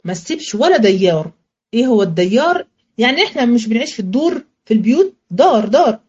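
A woman teacher with an Egyptian accent giving a religious studies lesson in colloquial Arabic, asking questions and answering them herself, and slowing to a chant when she recites verses. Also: on the high side, very animated, a little mellow, slightly rough, dull audio.

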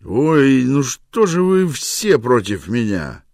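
A man's voice: medium pitch, sing-song, takes it slowly, darkish tone, dry recording, studio quality, pitched above the performer's own voice. A man reading an audiobook aloud, voicing a harried husband who grumbles and snipes sarcastically back at his family. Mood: grumbling. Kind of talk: audiobook character voice.

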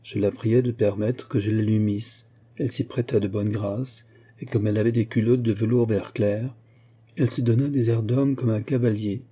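A man reading a classic memoir aloud in a measured, elegant way. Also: on the low side, fairly even intonation, mellow, breathy edge. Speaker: audiobook reader. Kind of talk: scripted literary narration.

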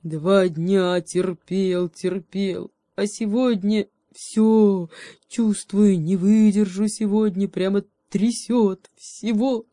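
A woman voicing a gruff, sleepy male bear who growls and complains. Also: low-pitched, slow, warm tone, no room sound, studio quality. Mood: angry.

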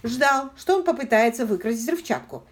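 A woman doing a suave, haughty gentleman crook. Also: a little high, expressive, moderate pace, voice pushed up, close to an everyday voice. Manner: suave, ingratiating. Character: smooth, haughty aristocratic male impostor.

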